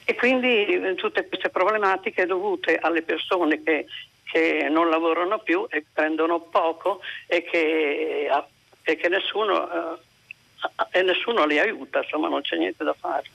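An older woman calling in to a radio show over a phone line, talking in a halting way with many hesitations and restarts. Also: fairly low pitch, gravelly, a bit bright. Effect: heard over a phone line. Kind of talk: complaining call-in chat.

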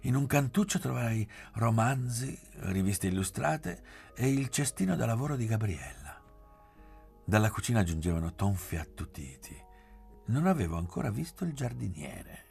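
A man reading a novel aloud as an audiobook, in a measured, expressive manner. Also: fairly low pitch, vocal fry, faint music behind. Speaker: reader.

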